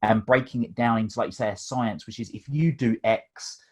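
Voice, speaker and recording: A man's voice: medium pitch, moderate pace, a little mellow, slightly rough. A man hosting a podcast interview, asking questions in a pragmatic, chatty way with many fillers and restarts. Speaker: podcast host and coach.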